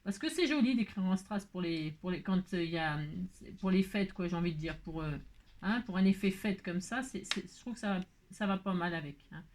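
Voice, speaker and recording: A woman's voice: fairly low pitch, animated, brisk, a little mellow. Woman host, chatty self-mocking crafter talking viewers through a card tutorial. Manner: chatty, self-mocking, laughs often, many fillers. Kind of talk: casual crafting tutorial chat.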